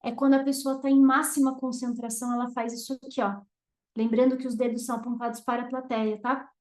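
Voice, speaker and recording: A Brazilian woman with a Brazilian Portuguese accent, a communication mentor teaching to camera with emphatic delivery, dropping and raising her volume and pausing for effect. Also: fairly high pitch, little pitch movement, a little mellow, roomy sound. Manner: emphatic, varies volume and pauses on purpose.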